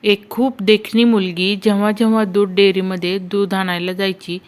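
A woman's voice: medium pitch, clean tone. A woman reading out a string of short jokes, acting out each character's line in turn. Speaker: joke reader. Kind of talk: reading Marathi jokes aloud.

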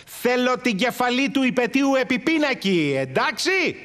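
Panicky, fussy school director. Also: male voice, extremely high pitch, very animated, fairly bright tone, big-room sound, full character voice. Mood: bossy. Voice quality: theatrical, flustered. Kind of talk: dubbed TV drama.

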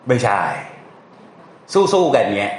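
A man's voice: medium pitch, lively intonation, slow, slight background noise. A male translation teacher giving a casual classroom lesson, repeating words and quizzing his students. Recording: very echoey room.

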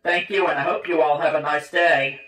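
A man speaks over a building's public address loudspeaker in a formal, polite announcement. His voice is bright and slightly high for a man, and it echoes through a large room from a distance. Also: steady tone, moderate pace. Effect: heard over a public address loudspeaker. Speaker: announcer on the building paging system.

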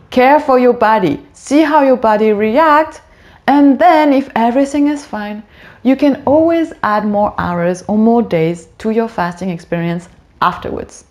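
Woman wellness host, somewhat high voice, casual and direct to camera. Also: animated, unhurried, darkish tone. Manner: friendly, direct, addresses the viewer. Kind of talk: casual instructional monologue.

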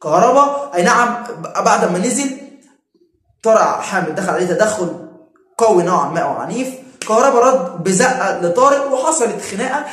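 A man with an Egyptian accent hosting a casual football opinion vlog, arguing his point with rapid repeated phrases. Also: sits high, expressive, a bit bright, roomy sound. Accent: Egyptian Arabic. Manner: rapid, repetitive, argumentative. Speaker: football commentator and channel host.

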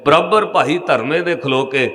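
A man's voice: fairly high pitch, moderate pace, fairly bright tone. Punjabi preacher guy, emotional storytelling sermon, big echoey hall. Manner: emotive, addresses the congregation directly.

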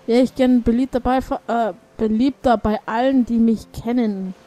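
A woman's voice: fairly high pitch, fairly even intonation, moderate pace, warm tone, low-quality recording. A woman giving casual gameplay commentary, reading options aloud and adding wry asides. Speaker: let's player.

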